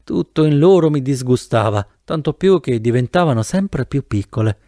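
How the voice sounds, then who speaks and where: Lively, expressive male audiobook narrator. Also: mid-range voice, moderate pace, no room sound, clean studio sound. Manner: animated, theatrical first-person reading.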